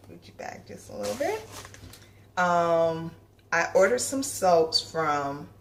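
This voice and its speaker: A woman soap maker chatting casually in a vlog while she has the hiccups, giggling as she talks. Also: low-pitched. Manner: giggly, speaking between hiccups. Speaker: soap maker reviewing a soap order.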